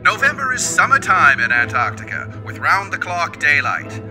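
A man's voice: fairly high pitch, wildly swooping pitch, moderate pace. A man narrating in the formal, declamatory manner of an old-time newsreel announcer. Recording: narration over clear music.

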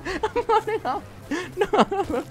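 A young man giving excitable, giggly commentary over his own gameplay, talking to himself as he plays. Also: very high-pitched, very slow, soft background music. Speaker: gaming YouTuber.

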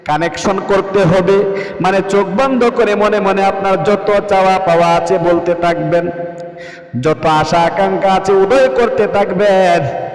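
Preacher, male, high voice, slow melodic chant, roomy echo with faint music behind. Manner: pleading, emotional supplication. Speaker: Islamic preacher. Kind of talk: devotional instruction with chanted recitation. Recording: echoey reverberant room with faint music.

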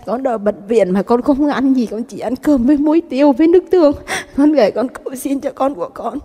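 Woman, spoken faith testimony, humble and rambling, repeats herself, mellow tone, long hall reverb. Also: high-pitched, animated, a little fast, husky. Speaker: mother giving testimony.

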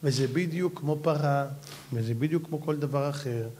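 A man, a rabbi, giving an animated, exhorting sermon and telling stories. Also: on the high side, a little hiss or hum. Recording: long hall reverb.

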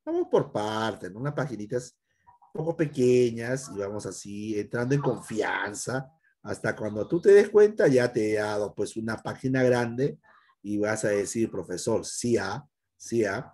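Speaking at a normal pace in a lowish, expressive voice with a darkish tone, a middle-aged computer teacher records a lesson addressed straight to one student. Now and then he plays out what the pupil is afraid of.

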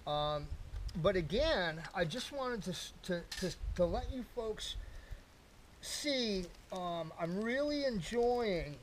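Older man, folksy camping vlogger, high-pitched voice, outdoor campsite, camera mic a few meters off. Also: expressive, slow, a little hiss or hum, poor audio. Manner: folksy, chatty, addresses viewers as folks. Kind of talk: casual outdoor talk to camera. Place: outdoors at a lakeside campsite fire pit. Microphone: camera-mounted mic from a few meters away.

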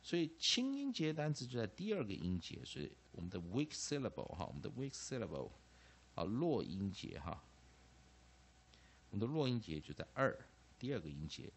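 A man with a Taiwanese Mandarin accent explains English phonics in a classroom-style lecture. His voice sits low but swings widely in pitch. He keeps repeating terms and punctuates almost every phrase with "ah" or "ha". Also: normal speed, slightly rough. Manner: lively, peppers phrases with 'ah' and 'ha', repeats terms. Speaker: English teacher.

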